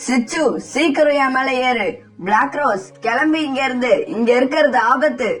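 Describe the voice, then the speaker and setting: A woman voicing a kind, wise female dove in a cartoon who gently reassures her friend. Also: high voice, moderate pace, far from the mic, faint music behind. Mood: urgent.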